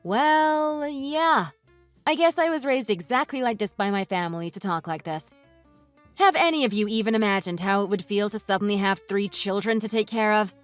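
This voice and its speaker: A woman voicing a furious wife who mocks and cuts into her in-laws with sarcasm, over soft music. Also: medium pitch, normal speed, no room sound, natural voice. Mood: sarcastic. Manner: sarcastic, cutting, mocking. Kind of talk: read-aloud text-message story. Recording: dry voice with soft music underneath.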